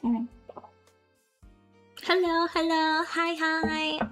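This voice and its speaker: Woman streamer, high voice, playful and giggly, faint background music. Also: very slow, fairly bright tone. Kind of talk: casual chat with viewers. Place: grandmother's house.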